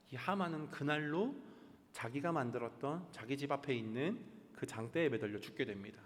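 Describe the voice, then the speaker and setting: Animated male pastor preaching in a church. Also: a little high. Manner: animated, dramatic storyteller asking the congregation questions. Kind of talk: storytelling sermon. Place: church sanctuary. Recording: church hall reverb.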